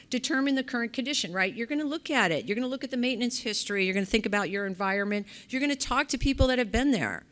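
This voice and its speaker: A woman's voice: medium pitch, a bit bright. A middle-aged woman presenting at a conference, chatty and conversational, often checking in with rhetorical questions and acting out quoted remarks. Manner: conversational, asks the audience rhetorical questions, acts out quoted speech. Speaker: conference presenter on facility assessment. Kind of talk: lively conference talk. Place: conference session room.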